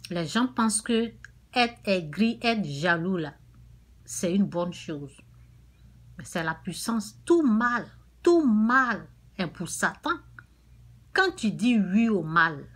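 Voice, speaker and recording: A woman's bright, forceful voice delivering a moral lesson straight to the viewers. She talks slowly and emphatically, scolding and insisting in a preachy commentary style. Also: on the low side, breathy edge. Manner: emphatic, scolding about jealousy. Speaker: moralizing narrator.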